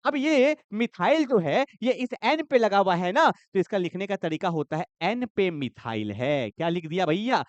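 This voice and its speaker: A high, lively male voice that swings widely in pitch as he leads a quick chemistry lesson. He keeps asking questions aloud and then answers them himself. The sound is dry and a bit dull, like a lo-fi recording. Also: dry recording. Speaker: chemistry teacher. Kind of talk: energetic board-exam lesson.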